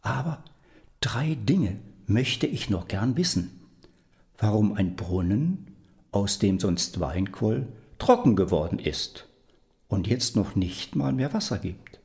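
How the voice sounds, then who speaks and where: A man voicing an earnest young man in a storybook reading, speaking in a measured way. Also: lowish voice, lively intonation, a little mellow.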